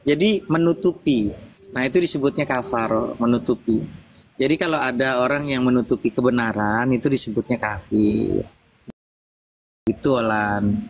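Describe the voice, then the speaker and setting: A man preaching and hosting a live online interfaith debate, who stays calm and patient and explains points slowly. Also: medium pitch, a little hiss or hum. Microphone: video call.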